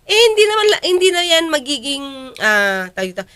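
A woman's voice: high voice, big pitch swings, brisk, bright, forceful tone, dry recording. A woman, co-hosting a casual commentary chat as a lawyer. She speaks to viewers directly and mixes in English. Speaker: lawyer and co-host.

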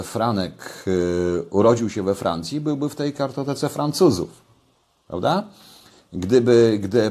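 A man's voice: fairly low pitch, darkish tone. An older man giving casual commentary to camera from his home kitchen, talking conversationally and pushing his voice up on key points. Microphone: webcam at desk.

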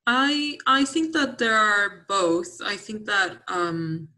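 A woman's voice: medium pitch, expressive, slow pace, bright, forceful tone. A woman from Sweden with a Swedish accent, a native Swedish speaker, talking casually and tentatively as an interview guest on a video call. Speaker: interview guest, PhD candidate. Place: indoor room at home, video call.

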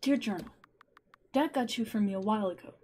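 A woman voicing a shy, cheerful little scarecrow boy, eager and quick-spoken. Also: medium pitch, noisy background, natural voice. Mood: happy.

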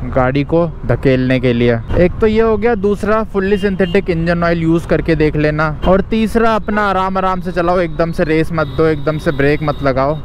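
A man's voice: on the high side, normal speed, hardly any pauses. A young man in casual motovlog commentary, riding a scooter through city traffic and chattily explaining tips to viewers through a helmet mic. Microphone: helmet mic recording from a ride. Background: faint traffic and wind.

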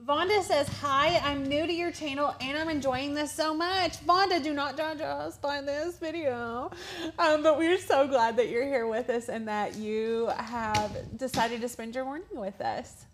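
A woman's voice: sits high, fairly even intonation, unhurried, hardly any pauses, a little hiss or hum. A woman co-hosting a casual craft livestream, reading viewer comments aloud and laughing often. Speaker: co-host reading live chat.

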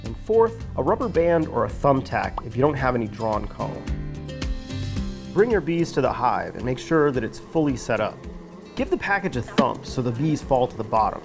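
A man's voice: mid-range voice, very animated, moderate pace, music in the background. Plainspoken Midwestern man explaining beekeeping steps. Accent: Midwestern American. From United States. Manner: clear step-by-step explaining, practical and plain. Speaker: beekeeping instructor. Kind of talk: scripted instructional narration.

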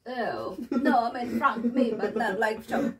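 A woman's voice: a little high, measured pace, far from the mic, a loud crowd. A woman, a mother and vlogger, chatting casually and teasingly at home, apologetic and often giggling. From Philippines. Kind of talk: casual family chat. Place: her son's bedroom at home.

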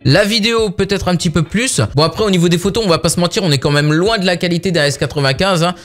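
A man's voice: high-pitched, quick pace, fairly bright tone. A man casually reviewing a budget phone, talking in a chatty way full of fillers. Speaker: tech reviewer.

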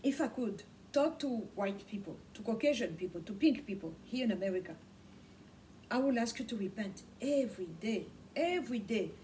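Preaching to camera in her small home study, a middle-aged native Swahili speaker uses a fairly high, dark-toned voice with lively intonation at a normal speed. She repeats words for emphasis, gestures a great deal, and speaks with passion. A camera mic placed across the room captures her distantly, along with faint room noise.

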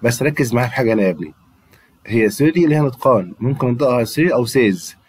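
Racing along in an expressive, medium-pitched voice with a breathy edge, a man with an Egyptian Arabic accent teaches French grammar in a classroom style, patiently repeating words for his students to practice.

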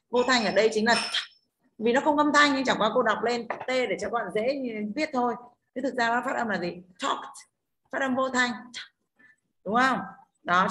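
A woman's voice: fairly high pitch, fairly bright tone, a little hiss or hum. Woman teacher explaining step by step. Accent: Northern Vietnamese. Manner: explains step by step, keeps checking with "đúng không?". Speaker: English teacher. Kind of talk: online class teaching.

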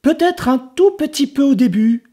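A man's voice: very high-pitched, animated, moderate pace, voice pushed up. A man voicing a sly, chirpy little boy. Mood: sly cheerful. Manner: bright, innocent, eager. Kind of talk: children's storybook reading.

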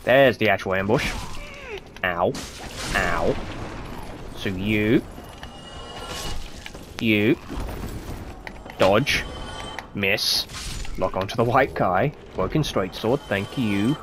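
A stuffy-nosed man talks his way through a game in a slow, unhurried, casual commentary, his pitch jumping about lively as he mutters to himself. Faint game sounds sit quietly behind his voice. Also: background noise. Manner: chatty, muttering to himself while playing. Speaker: gameplay commentator. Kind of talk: casual let's-play commentary.

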